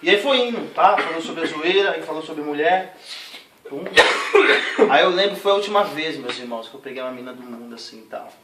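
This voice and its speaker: A man's voice: fairly high pitch, fairly quick. Slangy young São man, echoey. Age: young adult. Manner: slangy, animated storytelling with voiced impressions. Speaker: testimony giver. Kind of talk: casual spoken testimony. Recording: echoey room, distant mic, noisy.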